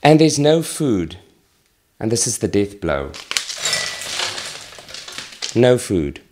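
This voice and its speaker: A middle-aged man from Malawi, a charity worker, making an earnest, measured appeal while demonstrating with a plant. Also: on the low side, sing-song, mellow. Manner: earnest, measured, with pauses and restarts.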